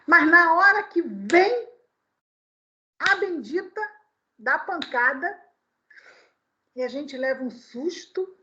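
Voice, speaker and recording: A woman's voice: sits high, slow pace, long pauses. A woman lecturing at a spiritist meeting, telling stories and asking her listeners rhetorical questions. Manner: animated storyteller, full of rhetorical questions. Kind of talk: sermon-style talk with personal anecdotes. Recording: dull lo-fi recording.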